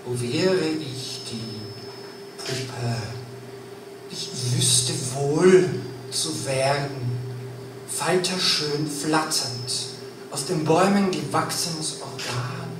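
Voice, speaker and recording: A woman giving an experimental spoken-word performance, chanting long rhythmic lists with sweeping swings between hushed and loud. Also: low voice, extremely slow, music in the background. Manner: incantatory, rhythmic listing with sweeping shifts in loudness and pace. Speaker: performance poet. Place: live stage in a reverberant room. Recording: distant live recording in a very echoey room with faint noise.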